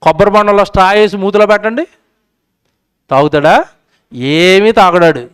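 A male preacher gives a sermon at a public meeting and keeps firing questions at the crowd. His voice sits high and rings smooth and clear, and it swings between loud and soft. The sound is dry and close. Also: brisk, dry recording.

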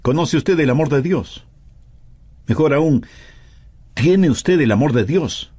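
Emphatic preacher man, lively pitch. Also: takes it slowly, breathy edge. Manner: emphatic, with pointed rhetorical questions. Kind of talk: Spanish voice-over of a sermon.

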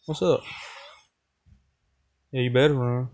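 A man's voice: mid-range voice, steady tone, takes it slowly, a little mellow, a little hiss or hum. A young man commentating his own gameplay in a casual, trash-talking way, with a playful, chatty delivery to viewers. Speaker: gaming channel host.

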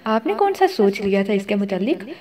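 A woman's voice: mid-range voice, big pitch swings, a little mellow, close to an everyday voice. A woman voicing a proud young wife in an audio novel, speaking in short, guarded lines. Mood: cold. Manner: cold, clipped replies.

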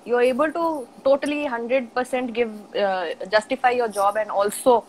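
A woman's voice: on the high side, steady tone, normal speed, slight background noise, low-quality recording. A woman hosting a live online chat, asking follow-up questions and greeting viewers. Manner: brief listening sounds, friendly follow-up questions. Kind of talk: casual live interview.

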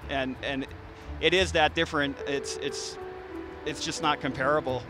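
With music behind him, a man in his thirties who works as a beekeeper talks at a moderate pace in a mid-range voice. He's giving an interviewer a casual explanation outdoors by the beehives in a garden, sounding relaxed and often restarting or using fillers. The mic is a handheld interview one.

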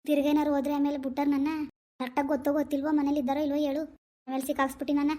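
In a cartoon, a woman voices a young married village daughter who is nervous and pleading, begging through tears. Her voice sits high, with a flat, rapid-fire, dark-toned delivery that is only lightly acted.

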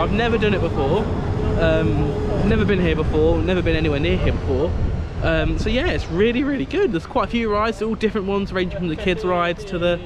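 A man chatting casually to his camera with lots of fillers, vlogging outdoors at a theme park. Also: on the high side. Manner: chatty, rambling with many fillers. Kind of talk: casual vlog talk to camera. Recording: outdoor crowd and loud noise.

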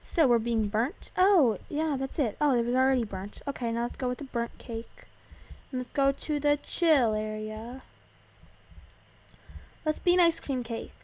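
High-voiced, excitable woman playing a game. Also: measured pace. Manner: excitable, gasping and squealing at surprises. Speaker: gaming video host. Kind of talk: casual game commentary.

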